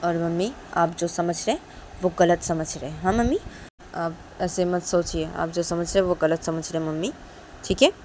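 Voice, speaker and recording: A woman's voice: on the low side, moderate pace, a little mellow, a little hiss or hum, natural voice, poor audio. A woman voicing a young woman who firmly defends her girlfriend to her mother. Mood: insistent. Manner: firm, insistent.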